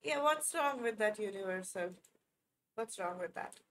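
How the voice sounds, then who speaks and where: A woman's voice: medium pitch, lively intonation, moderate pace, fairly bright tone, slight background noise. A woman in her twenties with an Indian English accent, chatting casually with viewers on a live chess stream, reacting to chat and laughing often. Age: 20s.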